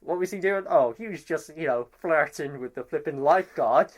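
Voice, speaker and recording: A young man, telling lively stories in a casual chat and acting out the people in them. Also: a little high, moderate pace. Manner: animated storyteller, voices others in quotes, laughs through tales. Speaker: podcast co-host.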